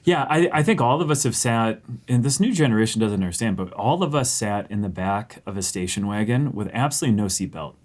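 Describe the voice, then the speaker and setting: A man's voice: lowish voice, expressive, brisk, hardly any pauses. A middle-aged man co-hosting a podcast, chatting casually and steering the talk with questions. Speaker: podcast co-host. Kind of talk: casual chat.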